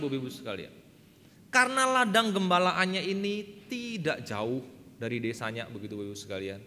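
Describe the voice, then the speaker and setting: A man's voice: medium pitch, a bit bright, in a large hall, slight background noise. A man preaching a sermon, emphatic and often addressing the congregation directly, telling a story. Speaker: pastor. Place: church hall.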